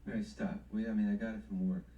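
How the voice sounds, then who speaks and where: An actor playing an evasive, edgy husband in a television soap, hesitant and stammering. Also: male voice, on the low side, flat delivery, rapid-fire, dark tone, lo-fi sound, natural voice. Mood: uneasy, defensive. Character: evasive, edgy husband dodging his wife's questions. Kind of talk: television soap opera acting. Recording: roomy, distant, hissy 1970s TV soundtrack.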